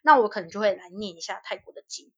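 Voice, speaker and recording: A young woman, co-hosting a podcast in casual chat. She tells stories lively, acts out quotes and laughs often. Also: mid-range voice, fast talker, breathy edge, lo-fi sound. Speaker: podcast co-host.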